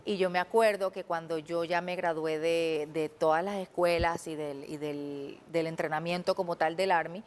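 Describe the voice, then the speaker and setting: Speaking as a studio interview guest, a woman from Puerto Rico in her thirties, a TV journalist, recounts her story with earnest animation and quotes things she once thought. Her fairly low voice carries a Puerto Rican Spanish accent and moves at a normal speed with few pauses.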